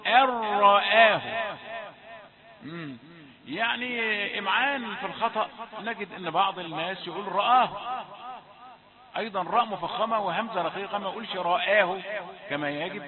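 A man leads a recitation lesson in a high voice, moving between explanation and slow chanted examples. The sound is thin and phone-like, and a gathered crowd can be heard behind him. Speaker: Quran recitation teacher.

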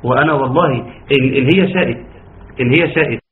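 A man with an Egyptian Arabic accent who teaches Quran recitation in an online class. He stretches out his fillers and slowly demonstrates each sound. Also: mid-range voice, slight background noise. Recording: tinny phone-like line, faint ambience.

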